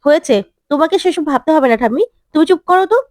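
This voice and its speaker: A woman's voice: sits high, expressive, darkish tone, no room sound, studio quality, pitched above the performer's own voice. A woman reading out a defiant young woman. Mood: indignant. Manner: indignant, halting restarts.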